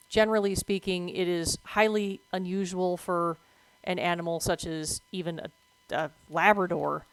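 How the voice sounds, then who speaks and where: A woman's voice: lowish voice, creaky, no room sound, rough recording. A woman streaming a game who explains veterinary matters in a blunt, casual way, swearing freely and breaking off to react to the game. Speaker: streamer with veterinary work experience.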